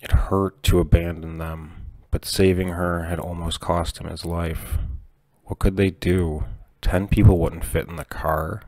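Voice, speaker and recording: Slow, deep-voiced male horror narrator. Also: level tone, darkish tone, no room sound. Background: faint music.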